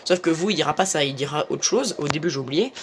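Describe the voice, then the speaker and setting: A man's voice: a little high, fast talker, background noise. A young man giving casual commentary on a video game as he plays, hesitant and full of fillers. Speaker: gaming youtuber. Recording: game music behind.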